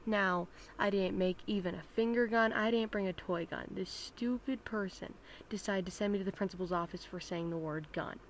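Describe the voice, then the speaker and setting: A woman's voice: medium pitch, normal speed, slight background noise. A woman hosting her own channel, telling a rambling story time in a casual chat style and acting out the people she quotes. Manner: rambling, acts out quoted people in raised voices. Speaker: channel host.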